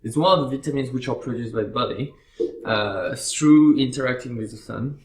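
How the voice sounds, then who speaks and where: A man's voice: mid-range voice, a little hiss or hum. French-accented man explaining in a roomy space. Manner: measured, explanatory, hesitant with fillers. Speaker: podcast guest. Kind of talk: casual chat.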